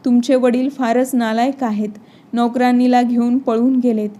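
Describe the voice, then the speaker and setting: A scornful young wife of a storybook, contemptuous toward her father-in-law and quick to anger, read by a woman narrator. The voice is fairly high, mellow and flat in melody. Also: close to an everyday voice.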